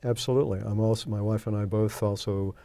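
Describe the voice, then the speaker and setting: A man in his sixties from Oklahoma, answering interview questions thoughtfully, pausing often with fillers. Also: fairly low pitch, steady tone, vocal fry, mellow. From Oklahoma, USA. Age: 60s. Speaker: interview guest.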